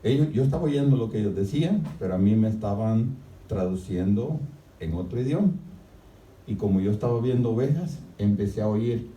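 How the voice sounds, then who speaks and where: Pastor guy preaching, keeps saying hermano, gets loud and high, sounds far from the mic. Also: lively intonation, brisk. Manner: preaching with frequent "hermano", swings to loud high-pitched shouting. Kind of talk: sermon. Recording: echoey church sound from a distant mic.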